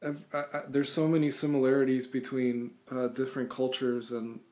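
Man born in Cuba, thirties, reflective guest, halting speech with restarts, webcam call from a home room. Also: medium pitch, level tone, dark tone. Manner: thoughtful, halting, many restarts and fillers. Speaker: guest musician. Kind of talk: reflective interview answers. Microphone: webcam on video call.

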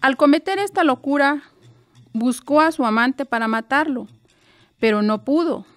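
A woman from Guerrero, Mexico, telling a traditional folk tale in a slow, measured, soft-spoken way. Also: high voice, no echo. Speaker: writer and storyteller.

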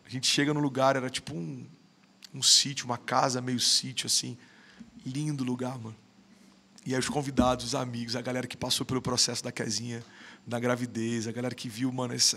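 Fast-talking gravelly Brazilian man. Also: mid-range voice, sharp tone. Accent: Brazilian Portuguese. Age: 30s. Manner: slangy, emphatic, keeps saying "mano". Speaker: podcast guest. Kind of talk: casual storytelling chat.

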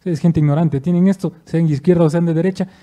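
An Ecuadorian man talks through media theory on a podcast, animated and full of asides. His voice sits a little high, yet it sounds very dark and mellow. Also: fast talker. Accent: Ecuadorian Spanish. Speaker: podcast co-host. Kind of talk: casual discussion. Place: studio.

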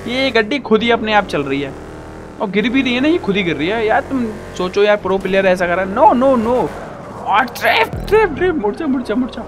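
Guy streaming a racing game, high voice jumping all over, yelling and joking, game noise behind him. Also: a little fast. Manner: excitable, shouting at the game, playful banter with viewers. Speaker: gaming YouTuber. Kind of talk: excited live gameplay commentary.

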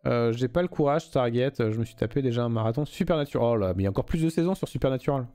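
A man's voice: mid-range voice, rapid-fire, dark tone, soft background music. A young man streaming a game live, reading the story aloud and chatting loosely with viewers, swearing freely.

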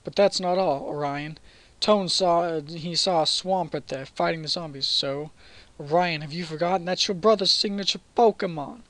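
A man's voice: sits high, lively intonation, unhurried, few pauses, no echo, voice pushed up. A man putting on an urgent, accented professor. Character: excitable male professor calling by phone.

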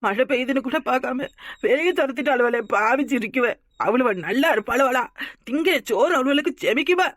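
A woman doing a fast-talking, wronged young village wife. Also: sits high, a bit bright, no echo. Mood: spiteful. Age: young adult. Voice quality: rapid, complaining talk. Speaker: cartoon character. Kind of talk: cartoon voice acting.

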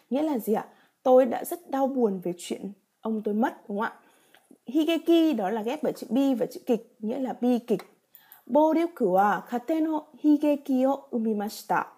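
Slightly high, mellow, and edged with breathiness, this woman's voice guides a vocabulary lesson as a Japanese teacher. She reads example sentences first and patiently explains them afterward, asking rhetorical check questions along the way.

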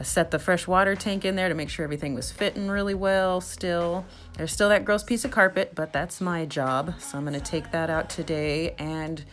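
Faint, soft music sits behind a young female vlogger as she narrates her project casually. Her voice is low, and she comes across as bubbly and quick to get excited.

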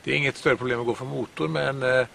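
A man's voice: medium pitch, steady tone, gravelly, a bit bright. A man in his sixties from Sweden, narrating his sailing trip in a chatty, explanatory way, outdoors on a boat. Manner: chatty, explains at length with fillers. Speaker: sailing vlogger. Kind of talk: casual travel narration. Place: outdoors on a sailboat and shore. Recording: outdoor noise on camera mic.

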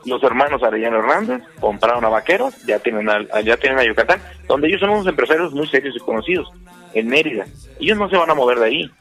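A man's voice: mid-range voice, sing-song, quick pace, fairly bright tone, faint music behind. A man with a Mexican accent, a panelist in a heated baseball debate, pushing the others with teasing yes-or-no questions. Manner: pushy, teasing, demands yes-or-no answers.

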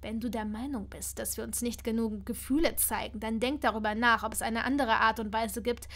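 A proud, secretive young wizard speaks in a hushed, breathy half-whisper, as a woman reading an audiobook puts him on. The voice stays soft and held back, with a high timbre for a man, and it sounds cool and guarded. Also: steady tone, fairly quick. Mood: hushed cold. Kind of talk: audiobook reading of fan fiction.

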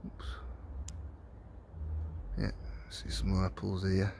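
Low-voiced guy filming his garden plot on a phone, chatty, rambling, faint outdoor noise behind. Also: completely flat delivery, slow pace, gravelly. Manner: chatty, rambling, chuckles often. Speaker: allotment vlogger. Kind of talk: casual walking tour commentary. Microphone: handheld phone camera.

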